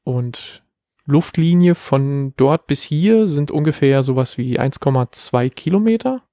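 A man's voice: medium pitch, expressive, unhurried, dark tone, dry recording, studio quality. Rambling man telling a story. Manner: rambling storyteller, many fillers. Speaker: podcast co-host. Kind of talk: casual chat.

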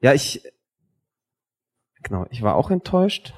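Male podcast co-host, husky, hesitant casual chat full of restarts. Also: mid-range voice, big pitch swings, unhurried.

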